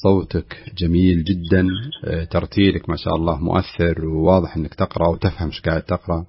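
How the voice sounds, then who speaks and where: A man's voice: sits low, little pitch movement, quick pace, husky, dry recording, highs cut off. A man coaching a caller's Quran recitation on the radio, correcting and demonstrating verses aloud.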